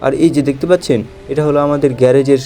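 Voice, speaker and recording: A young man with a Bengali accent, chatting excitedly as a gameplay host talking to viewers. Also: mid-range voice, very fast, soft background music. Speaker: gaming channel host. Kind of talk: playful gameplay commentary.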